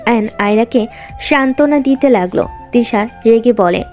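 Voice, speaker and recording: A woman narrating a romantic audio drama story in a steady storytelling voice. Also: a little high, normal speed, soft background music.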